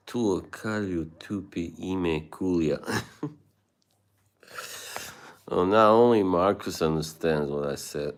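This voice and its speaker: Speaking slowly in a deep voice with long pauses, this livestream host has an Eastern European accent. He keeps things casual with his viewers, often laughing and swearing freely.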